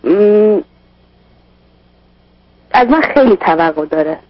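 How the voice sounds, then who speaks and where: A woman's voice: medium pitch, expressive, no echo, dull audio. A young woman calling in to a radio advice show, speaking hesitantly with filler sounds. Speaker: caller.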